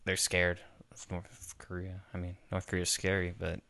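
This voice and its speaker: Man, low voice with a bright edge, easygoing co-host who agrees a lot, dry sound. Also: completely flat delivery, vocal fry, dry recording. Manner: agreeable, quick backchannels, trails off. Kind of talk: casual chat.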